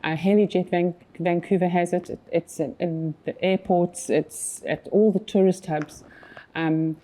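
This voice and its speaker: With an unhurried pace and fairly even intonation, a South African woman in her fifties chats casually as a magazine publisher guest. Her dark voice sits on the low side, and her accented speech is full of fillers and restarts.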